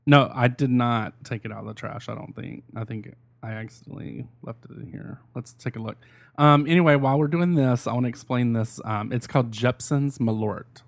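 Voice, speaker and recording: A man's voice: medium pitch, brisk, gravelly, dry recording. A man hosting a podcast in casual chat, talking in a blunt, salty, conversational way. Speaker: podcast host.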